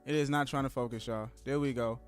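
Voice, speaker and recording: A trading streamer in his thirties chats casually with his live-stream viewers, calling them guys and y'all. He rambles in a relaxed, fast-talking way at a medium pitch with a clean tone, while faint music plays underneath.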